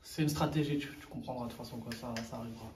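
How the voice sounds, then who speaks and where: Recorded off the mic in an outdoor neighborhood, with a roomy sound and faint street noise, a rapper in his 20s answers a casual street interview. Raised in France with Sri Lankan roots, he fires off slangy street talk laced with filler tags in a steady, darkish, mid-range voice at rapid pace.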